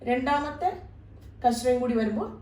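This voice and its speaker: A woman tutor explains a lesson in a patient, methodical way, going over each point more than once. Her voice sits a little high. She is recorded at some distance from the mic in an echoey room. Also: normal speed, mellow. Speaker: Arabic tutor. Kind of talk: step-by-step lesson.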